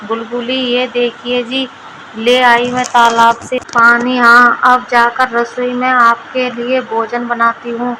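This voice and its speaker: A woman reading a storybook aloud, voicing a lazy, greedy young village wife in a flat, even way. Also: on the high side, slow pace, noisy background. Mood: plain.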